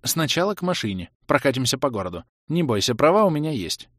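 A male narrator puts on a raised, ringing voice for a bold, bossy young woman in an audiobook. She talks briskly and pushily and swings between high and low. The recording is dry and close. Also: big pitch swings, fairly bright tone, no room sound. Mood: bold teasing. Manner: brisk and pushy. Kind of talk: audiobook character voice.

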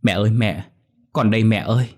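A man's voice: low voice, brisk, darkish tone, husky. A man voicing a young woman possessed by a dead man's spirit, wailing and pleading.

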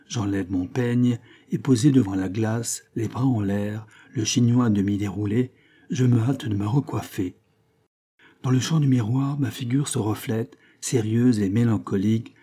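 Lecteur à la voix sombre et voilée. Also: male voice, lowish voice, mellow, husky. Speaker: audiobook reader. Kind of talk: scripted first-person narration.

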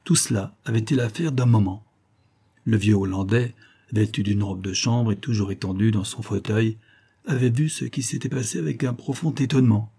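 Husky, dark-voiced male audiobook narrator. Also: lowish voice. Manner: steady, measured storytelling delivery. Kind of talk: scripted narration of a classic novel.

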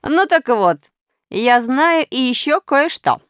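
A woman puts on a cunning, two-faced storybook trickster with a grating, wheedling voice. He speaks high and bouncy. The recording is dry and close. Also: expressive, slow pace, fairly bright tone, clear, resonant tone, dry recording, heavily acted. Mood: sly. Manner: wheedling, unpleasant voice. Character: sly, scheming male Minus sign character.

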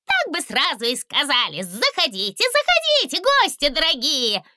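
A woman voicing a small, hot-tempered little man who guards a castle gate, with a squeaky, shrill voice. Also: very animated, unhurried, pushed and bright, no echo, clean studio sound, exaggerated voice. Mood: delighted. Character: squeaky fussy little man, fierce gatekeeper.

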